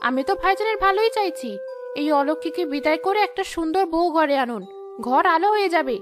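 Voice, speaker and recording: In a melodramatic cartoon story, a woman voices a vain, spiteful young sister-in-law, haughty and taunting in her dialogue. Her voice is very high and animated, a little fast, with music playing behind her.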